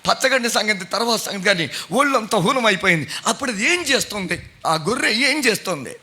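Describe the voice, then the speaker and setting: A middle-aged pastor who is also a Bible college principal preaches a sermon, conversationally questioning his congregation. His high voice is expressive, fairly quick, pushed and bright.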